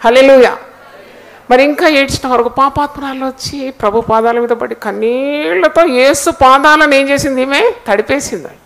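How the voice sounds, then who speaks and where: A woman with a Telugu accent preaching a sermon, urging her congregation with rhetorical questions and swinging between loud exhortation and hushed low passages. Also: normal speed.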